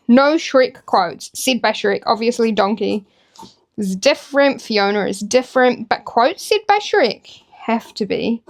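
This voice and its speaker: A young woman with a New Zealand accent chats away while she sews in a home workroom, teasing herself and laughing easily. Her speech is slow and unhurried, sitting a little high with a gravelly fry running through it. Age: young adult. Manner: chatty, self-mocking, laughs easily. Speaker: craft vlogger. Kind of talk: casual talk while sewing.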